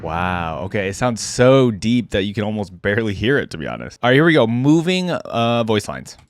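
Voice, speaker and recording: A man giving casual reaction commentary as the host of a video, chatty and animated, with quick asides. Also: fairly low pitch, dry recording, clean studio sound.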